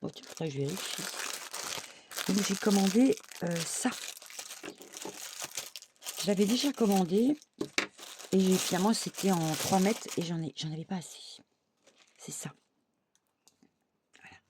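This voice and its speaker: A woman's voice: on the low side, measured pace, pauses often, background noise. A woman craft vlogger chatting casually to her viewers, thinking aloud and dotting her talk with little "hop" and "voilà".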